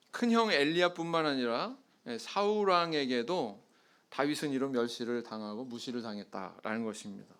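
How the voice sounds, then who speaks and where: A man's voice: medium pitch, clean tone. A male pastor delivering an expository sermon in a church, often putting questions to the congregation and answering them himself, with frequent affirming "yes" fillers. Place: church sanctuary.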